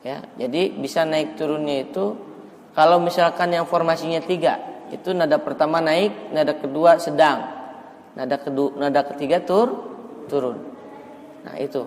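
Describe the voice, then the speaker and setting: A man teaching melodic Quran recitation in a mosque, explaining the rules calmly and then chanting verses slowly to show the tune. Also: a little high, long reverb tail, slight background noise. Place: mosque hall.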